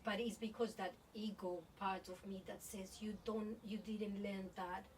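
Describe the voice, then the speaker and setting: This podcast host, a native Spanish speaker born in Colombia who grew up in Spain, reflects in an interview conversation, searching her way through each phrase. She speaks a little slowly at a medium pitch, her tone steady and darkish. The mic sits at a distance, and the low-quality recording carries faint background noise.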